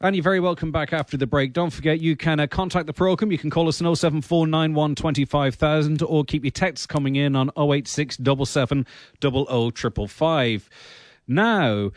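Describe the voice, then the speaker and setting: A man's voice: a little high, fairly quick, no echo, faint music behind. A man presenting and interviewing on local radio.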